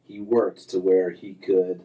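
A man's voice: sits low, slow, recorded from a distance, low-quality recording. A man in his thirties, a golf instructor as guest, talking casually with lots of fillers and restarts in a small office. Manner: relaxed, rambling, many fillers and restarts. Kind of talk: casual interview chat. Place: small office with framed diplomas.

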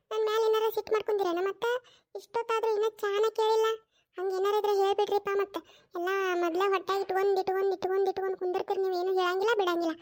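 Insistent cartoon daughter-in-law, one performer's put-on voice: North Karnataka Kannada accent, very high, quick coaxing. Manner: coaxing and insistent, repeats pleas. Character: pestering young daughter-in-law. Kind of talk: cartoon comedy skit.

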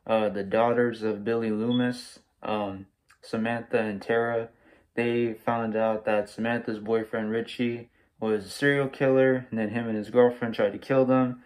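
A young adult American man speaks through a face mask in a mid-pitched voice. He gives an enthusiastic, informal movie review full of slang, recorded on a desk camera in a room at home. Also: little pitch movement, a little slow, a little mellow, poor audio. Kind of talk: casual spoiler-free video review. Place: small room at home, indoors.

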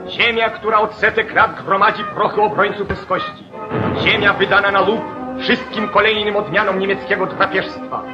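High-voiced man narrating an old newsreel. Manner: rousing, rhetorical, commanding. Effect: old 1940s newsreel sound. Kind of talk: declamatory scripted newsreel narration. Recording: muffled 1940s newsreel soundtrack with music.

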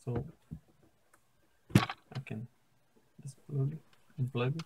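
A young Brazilian science fair demonstrator, whose first language is Portuguese, explains a DIY circuit step by step at an indoor wooden table in slow, careful English with pauses and restarts. His mid-pitched voice has fairly even intonation, and the recording is very noisy.

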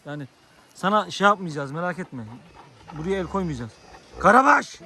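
A man vlogging outdoors on a rural farm, excitable and talking soothingly to dogs. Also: fairly high pitch, fairly quick. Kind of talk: casual outdoor vlog with dogs.

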